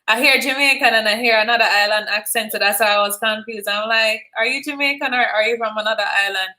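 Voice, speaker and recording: Hosting a call-in live stream, a woman chats casually with her caller and cheers them on, friendly and laughing as she talks. Her voice sits on the high side, quick and sharp in tone.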